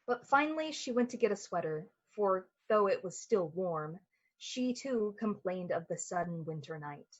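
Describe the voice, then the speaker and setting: With lively intonation and a moderate pace, a mid-range female voice narrates a suspenseful summer-night tale, lightly acted, in the manner of a 1940s radio play. The suspense stays measured. Sound is slightly muffled over background music.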